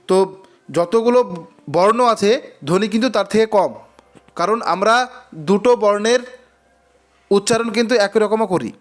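Guy with a high voice going through quiz answers, soft music under it. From West Bengal. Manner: reads each question twice, then explains. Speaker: teacher. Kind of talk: exam-prep quiz lesson.

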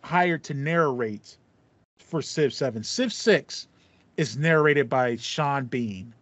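A podcast co-host in his thirties speaks slowly and expressively in a mid-range voice that's a bit bright. His chat about video game music is casual, enthusiastic and rambling. He's on a headset for a video call in a small foam-paneled home room, and the audio is dry and slightly muffled, with no echo.

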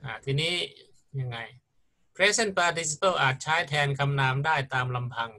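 A man's voice: fairly high pitch, animated, measured pace, sharp tone. A middle-aged man lecturing on grammar in a patient, explanatory way, often checking in with his students. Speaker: university lecturer.

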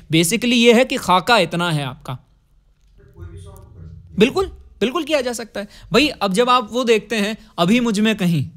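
A man's voice: high voice, fairly bright tone. A man teaching music, explaining rhythm with counted beats and short sung phrases. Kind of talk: music lesson with sung examples.

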